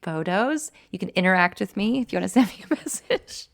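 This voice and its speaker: A woman's voice: medium pitch, expressive, a little fast, creaky. A woman comedian and improv performer, a guest chatting casually on a podcast and laughing often.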